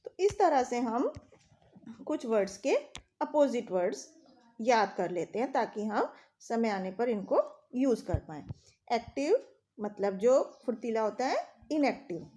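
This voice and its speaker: A woman with an Indian accent, teaching English vocabulary in a steady, explaining way and spelling words out letter by letter. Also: on the high side, unhurried, long pauses. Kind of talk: vocabulary lesson in Hindi.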